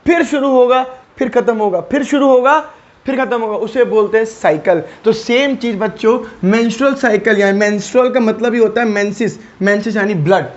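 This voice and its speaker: A man with a very high voice gives an online biology lesson in a chatty, informal way. He keeps firing questions at his students and answers them himself. The recording sounds dull and lo-fi. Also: fairly quick. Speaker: biology teacher. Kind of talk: online lecture.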